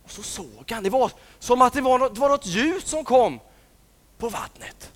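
High voiced guy telling a kids story, goes all whispery for the spooky bits, keeps asking the kids stuff. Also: expressive, a bit bright. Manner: drops to whispers for suspense, asks listeners questions. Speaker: storyteller for children. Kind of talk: dramatic storytelling.

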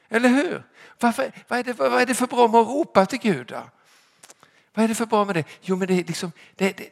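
An emphatic male preacher with a somewhat high voice delivers a sermon. He keeps checking in with his listeners through rhetorical questions and moves from loud, calling passages to quiet, lowered lines. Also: gravelly, slightly rough. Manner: emphatic, rhetorical, repeating "eller hur?"; shifts between loud calling out and quiet drops.

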